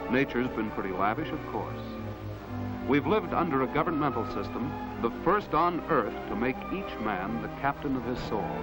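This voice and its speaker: In the proclaiming style of a 1950s educational film, an American man with a mid-range voice gives earnest, rhetorical narration. The audio is poor, a vintage film soundtrack with loud background music.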